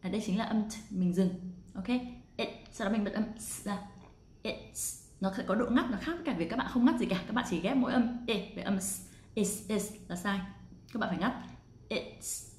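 A woman teaching pronunciation, who explains quickly and then slows right down to model each word. Her voice sits at an ordinary middle pitch. The room gives it a noticeable echo. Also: darkish tone. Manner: slow, drawn-out model pronunciations. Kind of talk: pronunciation lesson.

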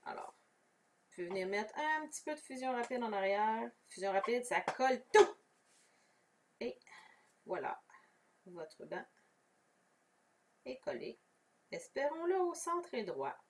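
A woman's voice: a little high, big pitch swings, measured pace, long pauses, noisy background. Woman, Québécois French accent, craft tutorial, chatty, step-by-step, a bit distant from the mic. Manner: chatty, explains step by step, answers viewers. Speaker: crafting demonstrator. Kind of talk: casual live craft tutorial. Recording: voice somewhat far from the mic.

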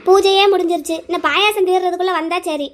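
A woman's voice: very high-pitched, fairly even intonation, fast. A woman voicing a kindly older aunt in a cartoon, talking in a homely, fussing village way. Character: kindly older aunt, busy serving at a temple. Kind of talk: cartoon voice acting.

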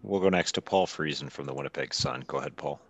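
A man's voice: a bass voice, fast talker, fairly bright tone. A man moderating a press conference, making short, routine handoffs to reporters. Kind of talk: brief announcements.

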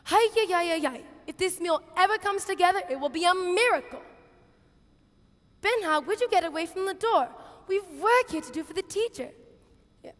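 Young woman acting flustered, high-pitched Martha, theatrically exaggerated. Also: animated, normal speed. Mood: frantic, exasperated. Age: teens to young adult. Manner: exaggerated, theatrical intonation, swinging from hushed asides to shouts. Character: flustered, bossy Martha, harried biblical kitchen hostess, exasperated with sister. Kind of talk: dramatic monologue, expressive stage reading. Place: stage in a large auditorium with audience. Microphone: headset. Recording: reverberant large hall, headset mic.

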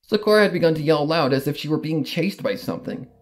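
Over guitar and plucked string music, a man narrates a scripted fan fiction story in the first person, delivering it dramatically. His voice is fairly high and animated, his pace quick, and crowd noise can be heard.

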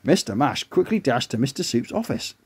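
A man reading a children's story aloud in a lively, animated way. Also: mid-range voice, fairly quick, slight background noise.

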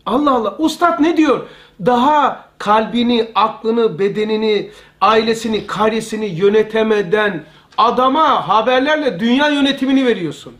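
High-voiced man teaching a religious study lesson. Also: normal speed, a bit bright. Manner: conversational, repeats key phrases for emphasis. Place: live study circle with listeners.

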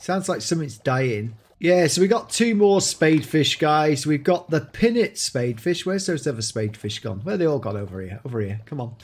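A man's voice: a little high, animated, moderate pace, hardly any pauses, a little mellow, breathy edge. A man hosting an enthusiastic gameplay showcase, exclaiming often as he shows off new creatures. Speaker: game showcase host. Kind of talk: excited gameplay commentary.

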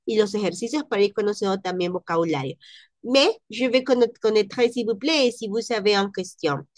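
A woman's voice: medium pitch, moderate pace, no room sound, clean studio sound. A woman teaching an online French class to Spanish speakers, explaining and drilling pronunciation by repeating sounds over a video call.

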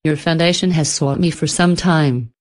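A woman voicing an ancient, cultured and menacing entity in a storybook reading, speaking in an even, measured, softly spoken way. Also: deep voice, natural voice. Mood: menacing, amused.

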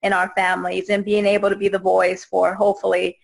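A woman in her thirties from Guatemala, a guest telling her own story on a video call, earnest and halting with many fillers and restarts. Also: medium pitch, monotone, gravelly, rough recording. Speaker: interview guest. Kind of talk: personal testimony in a video call. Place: indoors, small room. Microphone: video call webcam.

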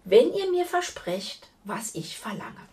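Brave lady knight, loud bossy and high, done by a woman reading aloud. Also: big pitch swings, slow. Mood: proud. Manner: loud and commanding. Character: fearless young female knight, bold and commanding.

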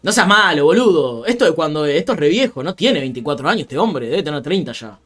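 Young Rioplatense-accented male streamer, loose chatty delivery, slightly high pitch, faint music bed. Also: very animated, fairly quick, a bit bright. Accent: Rioplatense Spanish. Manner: chatty, laughs often, reads out viewer comments. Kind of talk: casual live-stream football chat.

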